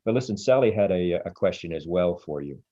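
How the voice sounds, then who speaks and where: A man's voice: low voice, lively intonation, fairly quick, mellow, no echo, muffled recording. A man hosting an online group call, thinking aloud in a rambling way with many restarts, heard over video-call audio. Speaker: webinar host.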